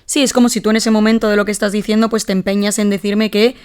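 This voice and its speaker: Spanish woman from spain, podcast psychologist, quick talker, explains with examples. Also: mid-range voice, clear, resonant tone. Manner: explains calmly with example dialogue. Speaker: psychologist co-host. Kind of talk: casual podcast chat.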